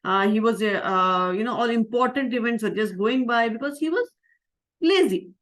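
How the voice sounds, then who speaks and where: A woman, a spiritual teacher telling a moral story to children, gentle and questioning with many fillers. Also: fairly high pitch, expressive, normal speed.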